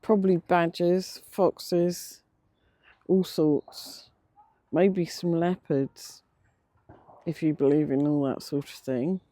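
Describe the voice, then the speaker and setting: An older English vlogger speaks at an unhurried pace in a soft-edged, mellow tone. The words come out a little toothless and slurred, with hesitant, reflective pauses. The delivery is casual and unscripted, recorded outdoors yet dry and free of echo. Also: medium pitch, steady tone. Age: middle-aged or older. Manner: slightly slurred toothless speech, stumbles on words. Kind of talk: casual unscripted vlog narration. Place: outdoors, sitting in a cemetery beside a road.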